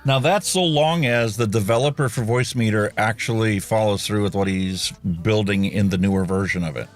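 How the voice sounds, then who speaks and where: Male host, lowish voice, relaxed and chatty, detailed explainer. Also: fairly quick, faint music behind. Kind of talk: casual chat.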